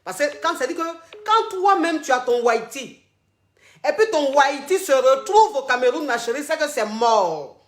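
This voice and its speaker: A high-pitched woman talks a caller through her troubles, teasing and dramatic, looping the same phrases again and again. Her voice rings in a noticeably echoey room. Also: sing-song, normal speed. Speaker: host coaching callers. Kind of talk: casual advice call. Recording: roomy echo.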